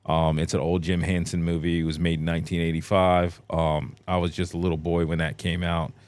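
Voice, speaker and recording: A man in his forties guest-hosting a podcast, talking in a relaxed, rambling way with lots of fillers. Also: low voice, brisk, no room sound. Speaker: guest host. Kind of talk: casual podcast chat.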